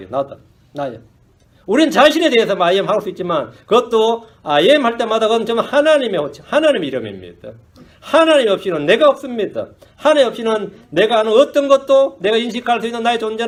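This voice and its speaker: A male pastor preaching a sermon in an animated way, asking the congregation questions and mixing in English phrases. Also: sits high. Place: church.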